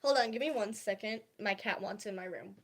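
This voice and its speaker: A woman's voice: mid-range voice, fairly quick. A young woman livestreaming, talking casually and hesitantly about her feelings, with many fillers and restarts. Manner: confiding and soft-spoken about feelings.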